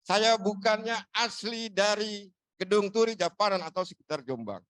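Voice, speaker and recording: A man from Ambon speaks at a church fellowship gathering with a high voice, earnest and preacherly. He lifts his delivery when quoting scripture. The sound is dry and close. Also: moderate pace, fairly bright tone, no room sound. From Ambon, Indonesia. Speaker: church member sharing. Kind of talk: sermon-style sharing.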